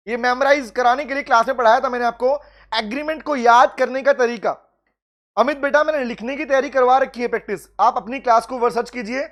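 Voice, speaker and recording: High-voiced man teaching law. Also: a bit bright. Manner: calls out students by name, urges quick replies; mixes English legal phrases into talk. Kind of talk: live online class lecture. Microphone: video call.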